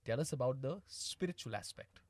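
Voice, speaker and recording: A man's voice: mid-range voice, animated, brisk, darkish tone, no room sound. A man with an Indian accent hosting a conversational podcast discussion. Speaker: podcast host.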